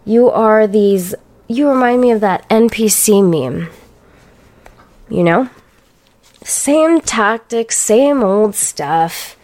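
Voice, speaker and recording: A woman's voice: medium pitch, expressive, slow, pauses often, a little mellow. A woman hosting a solo podcast, talking in a blunt, profane, ranting and sarcastic way. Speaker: podcast host.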